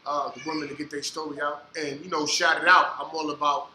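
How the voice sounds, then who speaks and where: Loud joking high-voiced male podcast host. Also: level tone, fairly quick, reverberant, a little hiss or hum, poor audio. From United States. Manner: loud, joking, slangy banter. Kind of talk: casual podcast interview.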